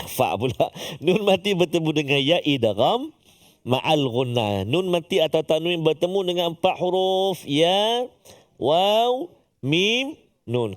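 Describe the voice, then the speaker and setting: Encouraging Malaysian Malay Quran teacher man. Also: on the high side. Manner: encouraging, praising often, drilling letters aloud. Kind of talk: tajwid lesson with recitation drills.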